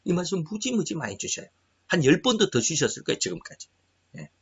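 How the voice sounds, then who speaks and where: A man preaching a sermon in an earnest, confessional way, often pausing with hesitant fillers. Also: high voice, very animated, slightly rough. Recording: dull lo-fi recording.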